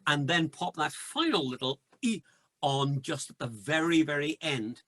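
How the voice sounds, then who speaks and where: Man, choir director, slightly croaky, slow unhurried talk, loud piano behind. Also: fairly high pitch, lively intonation. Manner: chatty, encouraging, joking asides, sings demonstration phrases. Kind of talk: online choir rehearsal coaching.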